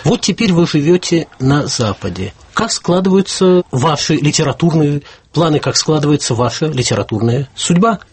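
A man's voice: on the high side, animated, normal speed, husky. A man interviewing a writer on the radio, formal in tone, explaining things to the listeners.

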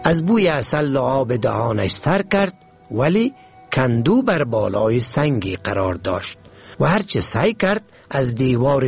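A man tells a scripted moral fable in a measured, moralizing way. His pitch rises and falls in a lively, expressive manner. Soft music plays faintly behind him. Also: gravelly, slightly rough. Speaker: storyteller. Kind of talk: scripted storytelling narration.

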